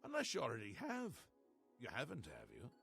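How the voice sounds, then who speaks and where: Mad theatrical game god, creaky bright voice, mercurial, gleeful then menacing. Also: male voice, wildly swooping pitch, brisk, faint music behind, full character voice. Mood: theatrical, excited. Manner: flamboyant, swinging from gleeful cries to low menace. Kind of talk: fantasy game character acting.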